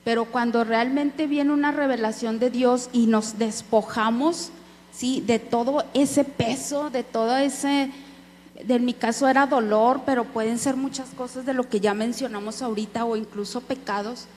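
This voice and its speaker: A woman's voice: a little high, steady tone, moderate pace, a little mellow. A woman preacher giving an earnest sermon testimony, speaking directly to her listeners as brothers. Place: church hall. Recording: echoey hall with faint hum.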